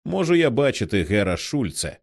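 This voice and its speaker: A man reading the part of a bold, quick-tempered young man who talks in a brisk, determined way. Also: medium pitch, very animated, vocal fry, husky, no room sound, studio quality, full character voice.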